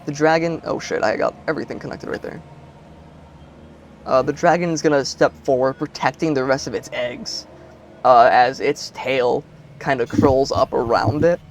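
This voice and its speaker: A man's voice: mid-range voice, steady tone, a little hiss or hum. A man running a tabletop game, narrating scenes with some fillers. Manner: unhurried descriptive narration with fillers. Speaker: game master.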